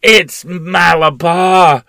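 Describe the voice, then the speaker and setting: A man's voice: expressive, unhurried, no room sound, clean studio sound. A man voicing a feverish, obsessed young boy who cries out shrilly in a read-aloud story. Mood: frantic. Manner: frantic, shrill crying out.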